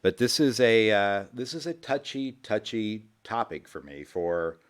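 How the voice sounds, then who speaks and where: A man's voice: on the low side, animated, unhurried, clean tone. A man hosting a financial radio show, talking in a rambling, folksy way and repeating his words. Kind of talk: casual radio talk with sales pitch. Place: radio studio.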